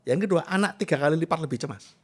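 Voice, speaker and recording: A man's voice: fairly high pitch, fast. A middle-aged man, a coach who is a guest in an interview, telling personal stories expressively and listing points with emphasis. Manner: animated, expressive storyteller, emphatic lists. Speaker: guest, self transformation coach. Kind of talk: conversational interview, personal storytelling.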